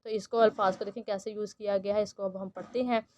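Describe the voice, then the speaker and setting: A woman teaching a textbook lesson. She reads each English line slowly, then explains it at length with many fillers. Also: mid-range voice, steady tone, darkish tone. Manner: frequent fillers and restarts while explaining.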